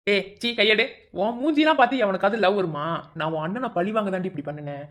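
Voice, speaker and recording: A woman's voice: medium pitch, natural voice. Woman voicing a sneering cartoon villain guy. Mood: taunting. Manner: sneering, taunting, fast talk. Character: scheming young male villain, cruel and mocking. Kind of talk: cartoon love-story voice acting.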